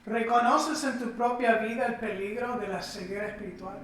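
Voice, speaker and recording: A preacher gives a sermon, speaking slowly and emphatically with dramatic pauses. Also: mid-range voice, steady tone, fairly bright tone, a little hiss or hum. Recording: echoey room, distant mic.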